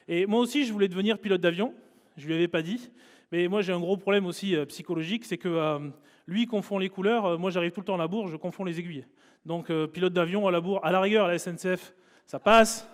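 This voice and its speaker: High-pitched man telling stories in a hall. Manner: lively storytelling with jokes and asides. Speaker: speaker at a live event. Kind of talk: humorous motivational talk. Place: event hall before an audience.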